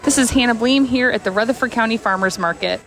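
Higher-voiced woman reading a radio promotion. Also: fast, fairly bright tone, slight background noise. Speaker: market spokesperson.

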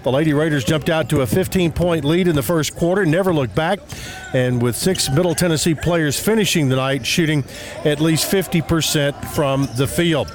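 Higher-pitched male sports radio announcer over music. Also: normal speed. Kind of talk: scripted sports news report on local radio.

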